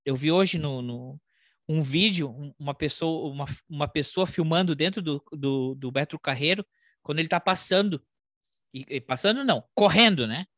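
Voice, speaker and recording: A man's voice: fairly high pitch, fairly bright tone, no room sound, clean studio sound. A man talking casually about politics and the year ahead, stopping and restarting his sentences often. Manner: halting, many restarts and repeated words. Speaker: podcast co-host.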